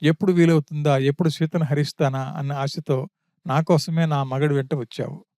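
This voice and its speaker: A man's voice: a little high, steady tone, moderate pace, darkish tone, no room sound, clean studio sound, natural voice. A man voicing a frightened young princess who accuses her brother-in-law, quoted in an audiobook of an epic. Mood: accusing.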